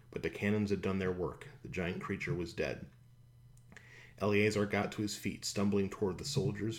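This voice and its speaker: A man narrating a fantasy audiobook in a steady, even storytelling manner. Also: deep voice.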